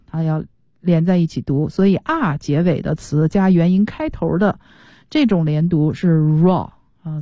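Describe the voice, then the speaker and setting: A woman gives a radio English lesson from a studio, patiently explaining each word and mixing English terms into her talk. Her voice sits a little low and sounds mellow. The sound is dry and close. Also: no room sound, lo-fi sound. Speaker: English teacher.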